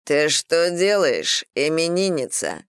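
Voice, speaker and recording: A woman voicing a crude, mocking young man with a slow, smirking drawl in an audiobook. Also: low-pitched, animated, no echo, clean studio sound.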